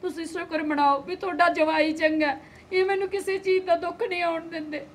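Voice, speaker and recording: A woman's voice: extremely high pitch, fairly even intonation, a little fast. An actress playing a young married daughter who is crying as she speaks with her father. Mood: tearful. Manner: tearful, pleading.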